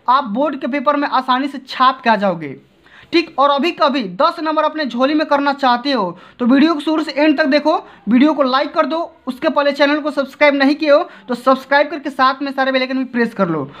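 High-pitched male tutor, coaxing desk-side lesson, muffled phone sound. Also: pushed and bright. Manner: coaxing, keeps repeating check-in tags. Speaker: exam-prep teacher. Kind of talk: tutorial explaining to students. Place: desk seen from above, indoors. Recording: dull lo-fi phone recording.

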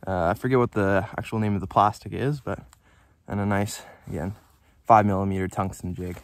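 A man's voice: lowish voice, fairly even intonation, a little fast. Young man fishing outdoors, easygoing. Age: young adult. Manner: easygoing, enthusiastic, explains as he fishes. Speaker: fishing vlogger. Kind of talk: casual on-camera commentary. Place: outdoors on a frozen lake. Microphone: camera on the ice nearby.

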